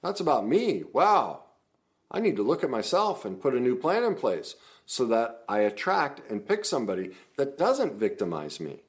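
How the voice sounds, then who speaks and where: A man's voice: medium pitch, wildly swooping pitch, moderate pace. A man teaching about communication in relationships, earnest and emphatic, acting out sample dialogue. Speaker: relationship coach.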